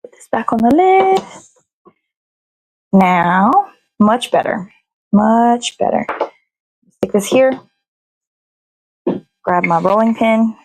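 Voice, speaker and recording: A woman's voice: on the high side, lively intonation, slow, long pauses, darkish tone, no room sound, low-quality recording. A woman chatting casually while she cooks, rambling to herself and swearing freely as a show host. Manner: rambling, self-talking, frequent swearing. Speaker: host of a daily puppet show. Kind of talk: casual chat while cooking.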